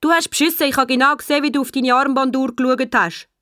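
A woman reading a storybook, voicing an indignant young schoolboy with a Swiss accent, high and accusing. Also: steady tone, fast, a bit bright, dry recording, studio quality. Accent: Swiss German. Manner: accusing, shrill.

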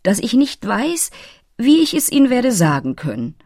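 A woman's voice: a little high, sing-song, moderate pace, darkish tone, dry recording, studio quality, pitched above the performer's own voice. A woman voicing a coy, flirtatious female fairy who talks around things in an audiobook. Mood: bashful. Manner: coy, roundabout, fussing. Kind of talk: audiobook reading.

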